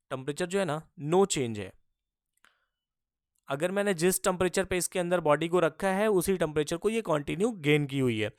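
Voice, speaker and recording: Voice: mid-range voice, smooth, no room sound, clean studio sound. A physics teacher giving a lesson, who keeps asking questions and answering them, repeating each key term and calling the students kids. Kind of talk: classroom-style lecture.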